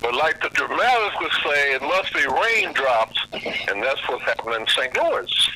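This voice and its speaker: A man hosting a call-in radio talk show, speaking in an unhurried way as he introduces callers and announces events. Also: mid-range voice, very animated, sharp tone. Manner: unhurried, announcing and giving directions. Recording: noisy radio broadcast.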